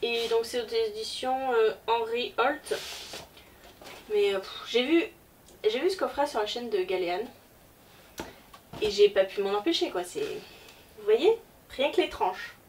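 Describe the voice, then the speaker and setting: A bit high and lively in intonation, her voice is unhurried and broken by frequent pauses. The woman, a book vlogger, chats hesitantly through a casual book haul with lots of fillers, recorded on a distant mic with faint background noise.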